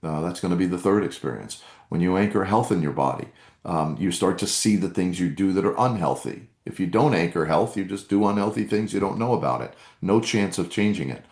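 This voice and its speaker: Man, deep low voice, earnest coaching host, echoey room. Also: animated, brisk, darkish tone. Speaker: meditation workshop host. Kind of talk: live-streamed workshop talk, reading chat comments.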